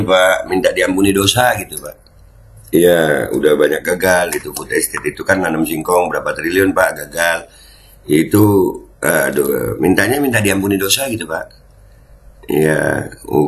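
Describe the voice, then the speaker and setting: A middle-aged man, hosting a casual reaction commentary in a mocking, chatty way with his audience. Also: deep voice. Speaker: host.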